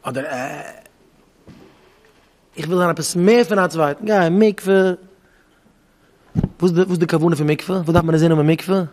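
High-voiced rabbi in a reverberant hall. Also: male voice, moderate pace, pauses often. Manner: animated, acts out back-and-forth dialogues. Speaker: rabbi giving a talk.

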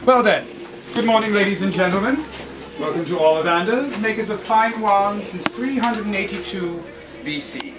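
A performer playing a theatrical wizard wandmaker who addresses a live audience with dramatic pauses, recorded from a distance. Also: mid-range voice, expressive, natural voice. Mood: mysterious. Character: theatrical wizard wandmaker shopkeeper, grand and mysterious. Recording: distant live recording with loud room noise.

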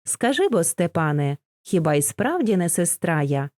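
A woman's voice: lowish voice, big pitch swings, normal speed, darkish tone, no echo, clean studio sound. A woman reading the part of a young village girl who speaks in a tender, pleading and tearful way, in an audiobook.

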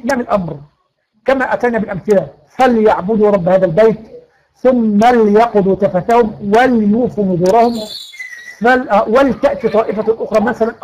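A man with an Egyptian Arabic accent teaching Quran recitation rules in an online lecture, explaining patiently, posing and answering his own questions, reciting verses slowly. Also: very high-pitched, a little mellow, slight background noise, poor audio.

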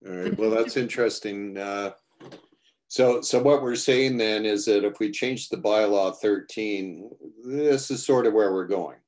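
An older man, a city councillor, asking deliberate probing questions on a video call. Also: lowish voice, a little mellow. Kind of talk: formal meeting questions.

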